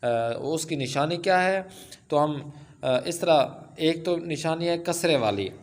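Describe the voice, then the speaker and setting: A man teaching Persian in an online lesson. He reads Persian sentences aloud and then explains them slowly, with many filler sounds. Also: fairly high pitch.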